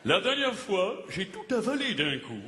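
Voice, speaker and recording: A man playing a pompous playwright who declaims with booming bombast, his voice high and swinging wildly in pitch. He sounds from a theatre stage with a long echoey hall reverb, under loud audience laughter and heavy noise. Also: big pitch swings, normal speed. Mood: grandiose. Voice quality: booming stentorian voice. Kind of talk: stand-up character sketch.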